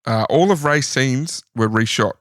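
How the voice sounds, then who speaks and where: A man's voice: mid-range voice, unhurried, fairly bright tone, no room sound, clean studio sound. Australian man telling film trivia. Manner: storytelling, recounting trivia from notes. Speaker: podcast co-host. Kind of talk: casual chat.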